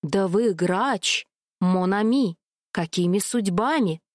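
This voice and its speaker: A refined, soft-spoken male pigeon from a storybook, voiced by a woman reader. He speaks with gentle formality and slips French words into his talk. The sound is close and dry. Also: mid-range voice, slow, dry recording, natural voice. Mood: pleased. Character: polite, old-fashioned male city pigeon.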